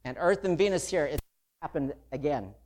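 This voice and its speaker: A man's voice: a little high, normal speed, a little mellow, slight background noise. A man preaching a sermon to a congregation, talking casually and growing emotional and intense.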